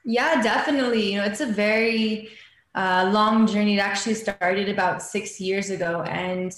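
A woman's voice: mid-range voice, normal speed, fairly bright tone. A woman from the United States giving a casual, informal interview as a guest, often hedging as she tells her story. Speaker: podcast guest, filmmaker. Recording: roomy echo with background noise.

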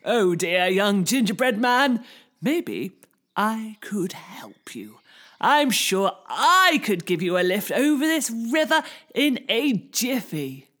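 A woman's voice: medium pitch, big pitch swings, a bit bright, voice pushed up, heavily acted. A woman doing a sly, sweet-talking fox. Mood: sly coaxing. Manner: coaxing, overly polite, drawn-out hesitations. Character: sly smooth-talking male fox in a smart hat. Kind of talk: storybook read-aloud for children.

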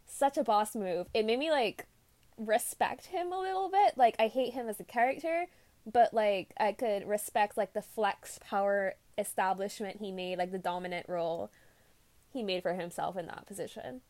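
A woman's voice: medium pitch, no room sound. Young woman, giggly book-podcast co-host, dry close mic. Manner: giggly, animated, quick to laugh. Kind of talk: casual book discussion podcast.

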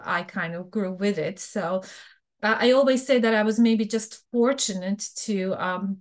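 A middle-aged woman from Bosnia with a Bosnian accent, speaking frankly and chattily as an interview guest. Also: medium pitch. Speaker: guest, fraud professional. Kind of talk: casual interview talk.

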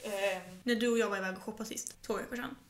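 A young woman who has just moved out from home, co-hosting a casual podcast chat and acting out other people in quick asides. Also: fairly high pitch, fairly even intonation, a little hiss or hum. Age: young adult. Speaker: podcast co-host.

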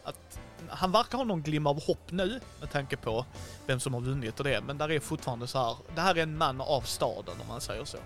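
A man narrating as game master of a tabletop role-playing game, animated and playful. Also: a little high, faint music behind. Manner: animated, playful, bursts into loud outcries in character.

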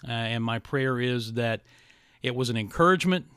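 A man hosting a podcast, talking reflectively and haltingly in a monologue to listeners. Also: medium pitch, a bit bright, clear, resonant tone, dry recording, clean studio sound. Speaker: podcast and radio host. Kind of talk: monologue to listeners, partly scripted ad reads.

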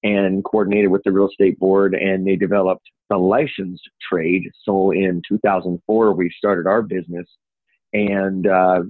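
Speaking a little slowly, with a low pitch that barely moves, a middle-aged Yooper from Upper Michigan talks as a guest in a casual interview. He owns a home inspection business and rambles in a folksy, playful way. His audio has an echoey, phone-like narrowness.

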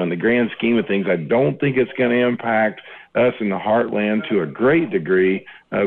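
A man's voice: low voice, creaky. A man answering interview questions over the phone as a market analyst, talking in a loose conversational way with lots of fillers and restarts. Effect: speaking over the phone. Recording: tinny phone line.

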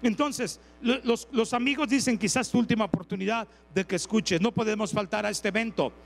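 A man's voice: sits high, brisk, vocal fry, big-room sound, rough recording. A man with a Mexican accent preaching a sermon, telling stories, acting out characters and asking the congregation questions. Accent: Mexican Spanish. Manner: storytelling, acts out characters, asks the congregation questions.

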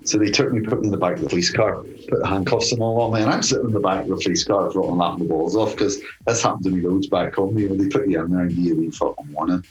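Deep-voiced, swearing storyteller man. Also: fairly even intonation, rapid-fire, hardly any pauses, lo-fi sound, faint music behind. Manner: profane, laughing storyteller. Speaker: interview guest. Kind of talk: casual anecdote telling.

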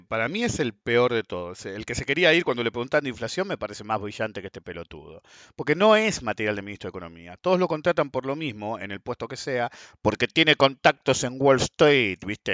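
A man in his fifties speaks with a Rioplatense Argentine accent. He delivers a blunt, sarcastic podcast monologue, and his pitch swings widely as he mocks and scoffs. The recording is dry and close, with no room sound. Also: big pitch swings, a little fast, fairly bright tone, no room sound, lo-fi sound. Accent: Argentine Spanish (Rioplatense). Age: 50s. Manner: sarcastic, blunt, swears freely. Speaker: podcast host. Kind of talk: opinionated monologue.

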